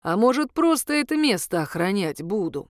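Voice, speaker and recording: A woman voicing a calm, knowing male spirit helper. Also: mid-range voice, moderate pace, no room sound, clean studio sound, natural voice.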